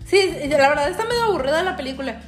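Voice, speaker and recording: A young Mexican woman with a Mexican accent co-hosts a casual podcast, chatting and telling stories packed with filler words. Her voice is high, expressive and rapid-fire. The recording has a roomy echo, with music playing behind her.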